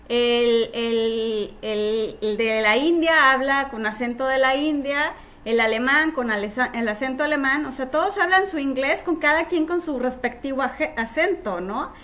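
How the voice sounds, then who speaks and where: A woman hosts a relaxed podcast interview. Her voice sits high, and she speaks in a friendly, chatty way, dropping filler words as she goes. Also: a little slow. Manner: friendly, uses fillers like "este", laughs often. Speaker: podcast host. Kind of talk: casual interview.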